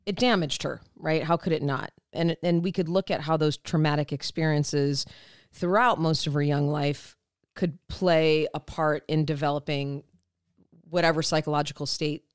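A woman co-hosting a casual podcast, laying out her points in a thoughtful, explanatory way. Her voice is smooth and clear, and the recording is close and dry with no room sound. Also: low-pitched, fairly even intonation, normal speed, no echo. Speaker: podcast co-host.

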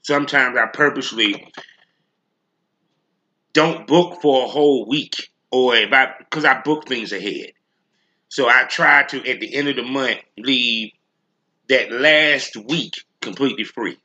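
A man's voice: mid-range voice, a little slow, sharp tone, muffled recording. A man hosting a solo podcast rant, speaking bluntly and emphatically with heavy slang and profanity. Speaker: podcast host.

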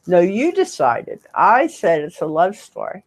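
Teasing woman with a lively voice. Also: lowish voice, a little slow. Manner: teasing, playful banter. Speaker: livestream co-host. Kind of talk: casual live-stream chat.

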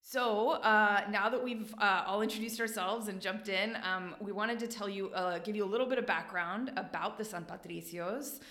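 A woman co-hosting a podcast chat, speaking in a friendly, relaxed way and passing the talk to others. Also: mid-range voice, moderate pace, hardly any pauses. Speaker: podcast co-host and theater producer. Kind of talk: casual video-call conversation. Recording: echoey room.

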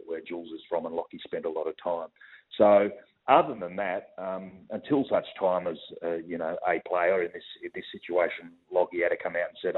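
An Australian man, a football club executive, answering radio interview questions over the phone in a measured way with many fillers and restarts. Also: sits low. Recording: tinny phone line.

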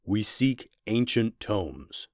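A man voicing a terse, stern old professor wizard who speaks gravely. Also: fairly low pitch, expressive, very slow, darkish tone, dry recording, studio quality. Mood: solemn. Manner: grave and clipped.

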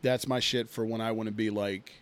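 A man's voice: on the low side, level tone, a little fast. Rambling, profane podcast guy. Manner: rambling, profane, many fillers. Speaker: podcast co-host. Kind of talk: casual chat.

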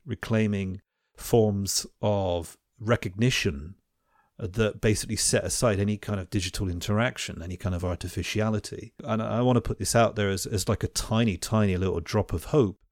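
A man's voice: on the low side, moderate pace, no room sound, clean studio sound. A man who teaches at a university, talking in a thoughtful, academic way, often restarting his phrases. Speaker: podcast host and university teacher. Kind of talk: reflective conversational discussion.

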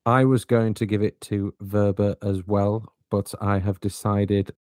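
A man's voice: fairly low pitch, level tone, measured pace, a little mellow, no room sound, clean studio sound. A man hosting a casual football podcast, chatty and teasing, handing the floor to his co-hosts. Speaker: podcast host.

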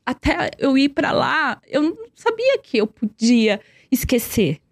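A woman's voice: sits high, sing-song, unhurried, vocal fry, no room sound. A young woman telling a personal story in earnest, repeating words for emphasis. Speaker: guest.

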